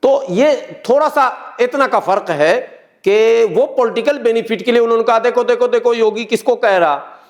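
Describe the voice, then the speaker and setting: A man's voice: very high voice, moderate pace. A middle-aged man, a guest in an interview, explaining his views earnestly and repeating key phrases. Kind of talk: political interview talk.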